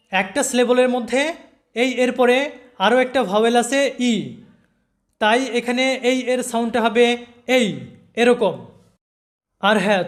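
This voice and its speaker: A man teaching English pronunciation in a slow, step-by-step lesson, spelling out example words and repeating them. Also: very high voice.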